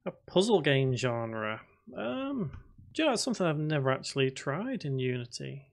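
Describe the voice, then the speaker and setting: A man with a slightly high, creaky, sing-song voice speaks at a moderate pace as he hosts a laid-back live stream. He narrates his thoughts while coding and typing, reads chat questions aloud, and says himself that his voice is boring.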